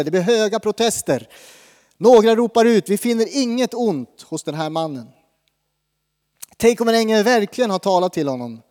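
A man's voice: a little high, darkish tone, big-room sound. A man preaching a sermon in a conversational way, asking the congregation questions. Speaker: pastor.

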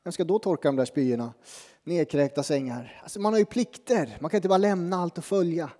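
A man preaching as a pastor, his voice a little higher than usual for a man but dark and mellow in tone. He talks in a conversational, self-deprecating way, with dramatic pauses. A long reverb from a church hall trails after his words. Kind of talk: sermon.

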